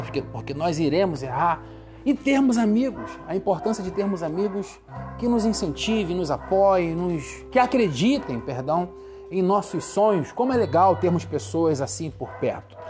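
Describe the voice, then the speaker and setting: A man with a Rio de Janeiro Brazilian accent and slushy sh for s, giving an informal devotional podcast talk in a colloquial, chatty way, correcting himself as he goes. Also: on the high side.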